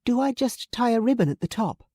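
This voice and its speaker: A woman's voice: on the high side, animated, brisk, dark tone, husky, dry recording, studio quality, pitched above the performer's own voice. A woman narrator voicing a headstrong, playful young woman in a romance audiobook, bold and teasing. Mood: teasing, insistent.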